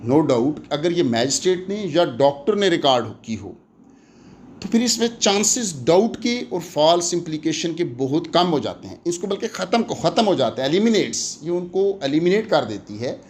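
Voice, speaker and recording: His fairly high voice is a little mellow, with big pitch swings and a moderate pace: a Pakistani-accented law lecturer delivering an explanatory exam-prep lecture. Didactic throughout, he alternates Urdu and English and poses questions before answering them.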